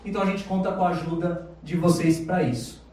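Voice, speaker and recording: A man's voice: high-pitched, fairly even intonation, a little mellow. Man host in a very echoey hall. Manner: polite, thankful, a little halting. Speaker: event host. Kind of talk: closing remarks at a live event. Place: event hall with audience. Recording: very echoey hall, distant mic.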